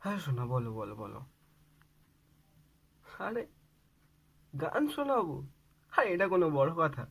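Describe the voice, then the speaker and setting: A man's voice: on the high side, wildly swooping pitch, moderate pace, creaky, pauses often, background noise. A young Bengali man acting out a one-sided phone call in a comedy skit, coaxing, sweet-talking, then scolding and pleading.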